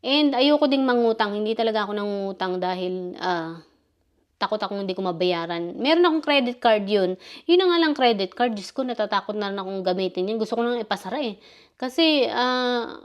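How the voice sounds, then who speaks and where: A woman's voice: on the high side, lively intonation, brisk. Rambling, self-correcting woman vlogger. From Philippines. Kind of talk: casual storytelling monologue.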